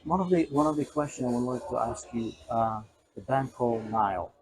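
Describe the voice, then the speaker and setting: A man from the Republic, hosting a casual radio interview, friendly, laughing easily, with halting phrasing. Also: mid-range voice, poor audio. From Czech Republic.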